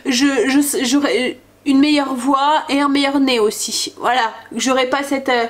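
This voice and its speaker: High-pitched and steady, a little slow, she's a family vlogger in her thirties chatting casually in her kitchen during a cooking vlog. A cold has left her nose stuffy, and she hesitates with many fillers.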